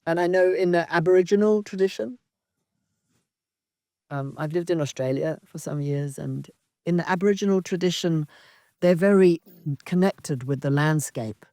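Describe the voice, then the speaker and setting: A woman from Zambia giving a slow, halting, reflective dharma talk as a meditation teacher on a retreat. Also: on the low side, mellow, no echo, clean studio sound. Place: outdoor retreat in wilderness.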